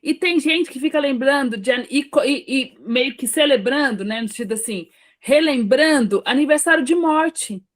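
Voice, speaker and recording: A woman with a Brazilian Portuguese accent talks casually on a faith panel. Her voice is fairly high, and she rambles, stumbling over restarts as she questions her own views. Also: normal speed, few pauses.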